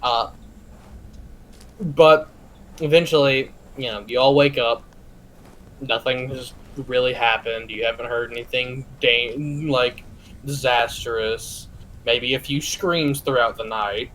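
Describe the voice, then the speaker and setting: A man's voice: medium pitch, steady tone, takes it slowly, fairly bright tone, slight background noise, rough recording. A man running a tabletop game as game master, narrating casually and loosely, with frequent swearing and restarts. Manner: loose, profane, trails off and restarts.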